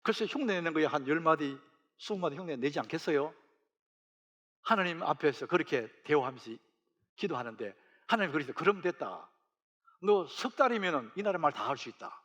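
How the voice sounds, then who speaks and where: Lively-voiced man preaching a sermon. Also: fairly high pitch, fairly quick. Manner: storytelling with lively rising emphasis. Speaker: senior pastor.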